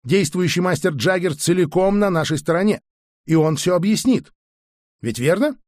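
A man's voice: sits high, expressive, moderate pace, a little mellow, dry recording, clean studio sound, pitched above the performer's own voice. Brief: man voicing a firm, slightly raised stern ally in an audiobook. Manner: firm, unexpectedly hard. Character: stern male companion.

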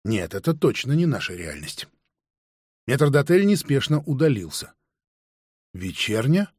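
A man narrating a first-person audiobook in a steady storytelling manner. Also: medium pitch, moderate pace, husky, dry recording, studio quality.

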